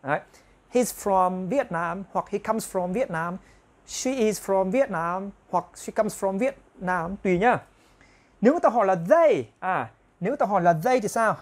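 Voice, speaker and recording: Woman, English teacher, online lesson, slow repeated example phrases, step-by-step explaining, mid pitch. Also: a little mellow. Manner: repeats example phrases slowly to drill pronunciation; explains step by step, often asking the viewers "right?".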